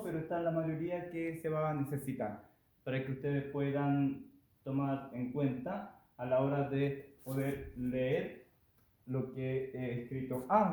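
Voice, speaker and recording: Slow Korean-native man, echoey room. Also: on the high side, warm tone. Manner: slow, deliberate, with many pauses and hesitations. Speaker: Korean language and taekwondo instructor. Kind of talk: classroom language lesson. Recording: roomy echo, voice from far off.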